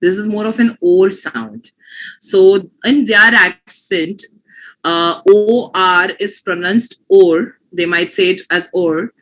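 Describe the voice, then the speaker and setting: A woman with an Indian accent teaches pronunciation to an online class. She speaks slowly and carefully, at a middling pitch, and she often pauses to check that her students are keeping up. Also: a bit bright, rough recording. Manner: explains patiently, often checks understanding.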